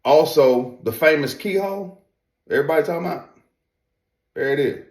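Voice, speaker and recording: A man's voice: on the high side, normal speed, darkish tone. A man giving a casual product demonstration in an emphatic, folksy way, often repeating his phrases. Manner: emphatic, repetitive, folksy informal talk. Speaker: presenter reviewing duck calls. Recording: roomy echo.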